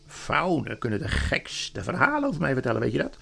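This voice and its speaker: A man voicing a scheming queen who sweet-talks a boy, with a wheedling, singsong manner and a raspy, gravelly edge. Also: mid-range voice, huge pitch swings, bright, forceful tone, soft background music, full character voice. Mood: sly wheedling. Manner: honeyed, wheedling, drawn-out singsong.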